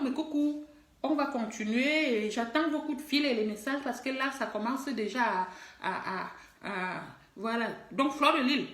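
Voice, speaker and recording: A woman with a high voice speaks straight to her online followers and scolds them firmly, repeating her points with emphasis. The sound is roomy and echoey. She is middle-aged and comes across as forthright. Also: fairly bright tone. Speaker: online personality and musician. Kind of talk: direct-to-camera social media video. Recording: roomy echo.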